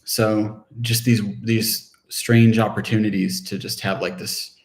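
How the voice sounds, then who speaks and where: Man, thirties, from Ohio; low, gravelly voice, halting reflective livestream co-host. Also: little pitch movement. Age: 30s. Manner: halting, many restarts and fillers, reflective. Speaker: vlogger co-host. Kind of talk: casual livestream chat.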